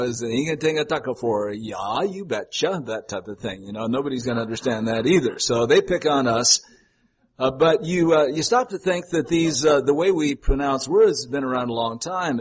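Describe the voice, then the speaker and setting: An older man delivers a sermon in a relaxed, conversational manner, chatting with his congregation rather than orating. His voice has a husky, slightly breathy edge, and it sits at an ordinary middle pitch. He wanders into folksy asides as he talks. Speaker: pastor.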